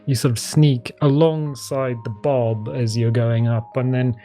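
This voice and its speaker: Man narrating haltingly, music behind. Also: mid-range voice, little pitch movement, dark tone. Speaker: game master. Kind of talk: improvised tabletop game narration.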